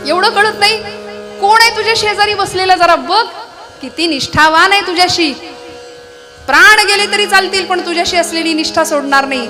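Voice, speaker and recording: A woman's voice: very high voice, normal speed, music in the background. A woman kirtan performer voicing a sly, scheming old uncle who needles his nephew, in a coaxing, needling tone.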